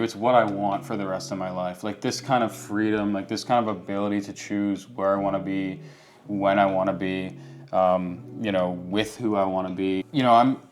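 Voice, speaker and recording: A man in his twenties hosting a casual chat, talking candidly and reflectively with plenty of "like" and "you know" fillers. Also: on the low side. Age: 20s. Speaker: host.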